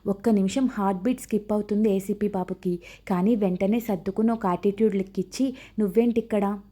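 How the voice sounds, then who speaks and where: A woman storyteller narrating a romance story in a steady, descriptive way. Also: mid-range voice, brisk.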